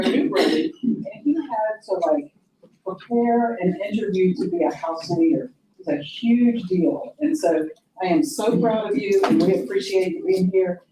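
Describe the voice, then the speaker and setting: A woman's voice: medium pitch, mellow. A woman giving informal congratulatory remarks as an official at a board meeting. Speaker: board official presenting recognition. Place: public board meeting room. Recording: echoey distant meeting room microphone, noisy.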